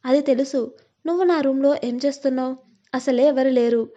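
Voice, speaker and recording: A woman voicing a young bride-to-be who is tender with her parents but quick with retorts, in a storybook reading. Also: high-pitched, warm tone, lo-fi sound, natural voice. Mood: sharp, tender. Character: young bride-to-be, sharp-tongued yet tender.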